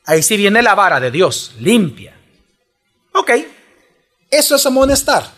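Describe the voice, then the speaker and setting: A man's voice: high voice, sing-song, a little slow, fairly bright tone, faint music behind. A man preaching a sermon, pressing his listeners with emphatic rhetorical questions.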